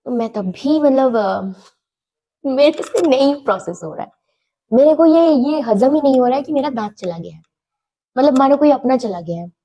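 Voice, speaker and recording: Mellow-voiced woman telling a storytime. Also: high-pitched, normal speed. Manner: animated, repeats words for emphasis. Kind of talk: casual storytime.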